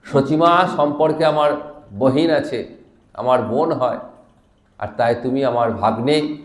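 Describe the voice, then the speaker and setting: A man's voice: medium pitch, measured pace, reverberant, close to an everyday voice. A man voicing a frightened, humbled male magistrate who pleads and apologises, told inside a sermon. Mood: fearful pleading.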